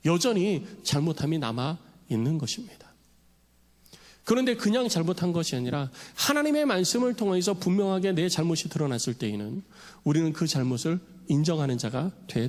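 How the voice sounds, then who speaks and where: A man preaching a Sunday sermon as pastor in a church sanctuary, lively and dramatic, acting out the voices he quotes. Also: a little high. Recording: long church hall reverb.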